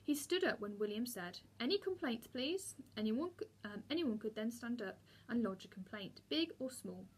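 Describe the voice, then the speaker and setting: A woman, a teacher, reading a children's book aloud with steady narration and small slips. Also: mid-range voice, moderate pace, few pauses, slight background noise.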